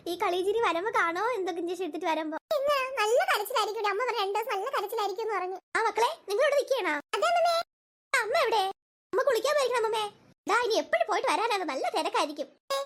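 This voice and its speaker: Using a very high voice, a woman performs young sisters and their mother for an animated cartoon. Her lines jump from fast, shouty squabbling to gentle cooing over babies, and the home recording is noisy.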